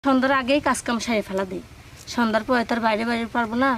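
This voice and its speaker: Brisk village woman, fast talker. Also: a little high, a bit bright, slight background noise. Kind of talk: Bangla drama acting.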